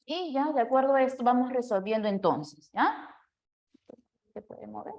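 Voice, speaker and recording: A woman's voice: on the high side, expressive, normal speed, a little mellow. A woman teaching a class, explaining step by step and often checking that the students follow along. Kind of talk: classroom lecture.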